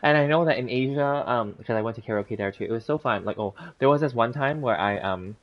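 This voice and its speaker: A gaming streamer in his thirties chats casually with viewers in a brisk, mid-range voice. He rambles through a story full of fillers and restarts, laughing easily, over dull lo-fi stream audio.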